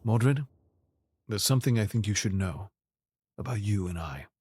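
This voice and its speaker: An actor in an audio drama playing King Arthur as a troubled, regal and earnest ruler who speaks in formal, measured courtly phrasing. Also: lowish voice, expressive, a little mellow, a little hiss or hum, close to an everyday voice.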